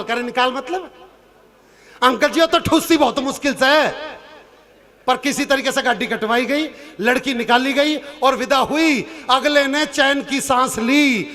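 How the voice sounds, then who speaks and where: Male stage comic poet, piercing high pitch, storytelling for a live show. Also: sharp tone. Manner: acts out characters' lines in shifted voices; turns earnest and preachy near the end. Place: outdoor or hall stage before a live audience.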